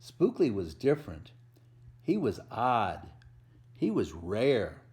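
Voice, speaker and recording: A volunteer storyteller reads a picture book aloud to preschoolers, leaning on the rhymes and adding simple asides and questions for the children. His voice is on the low side and a little mellow, slow in pace, with huge swings in pitch.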